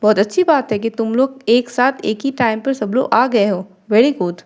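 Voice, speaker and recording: A woman voicing a calm, caring female professor in a Hindi storytelling narration. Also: on the high side, moderate pace, lightly acted.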